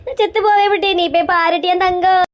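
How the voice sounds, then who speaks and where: A woman's voice: very high voice, steady tone, brisk. A woman with an acting a distraught, scolding wife in a comedy skit, wailing melodramatically.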